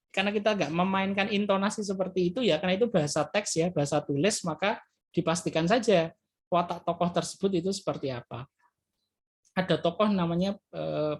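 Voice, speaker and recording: A man's voice: sits high, slightly rough. A male teacher reviewing for an exam, explaining loosely and hesitantly with frequent filler tags and addressing his students as children. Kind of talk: classroom exam review lesson.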